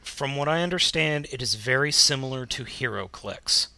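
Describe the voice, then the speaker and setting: A man's voice: medium pitch, lively intonation, moderate pace, creaky, bright, forceful tone. An American man co-hosting a casual podcast chat, talking in a slangy, emphatic, jokey way. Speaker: podcast co-host. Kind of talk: casual chat about toy news.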